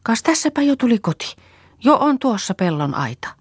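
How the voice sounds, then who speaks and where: A woman's voice: fairly high pitch, very animated, slightly rough, no echo, clean studio sound, voice pushed up. A woman reading an audiobook, voicing a frightened young woman who pleads with her sister in a trembling voice. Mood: pleading.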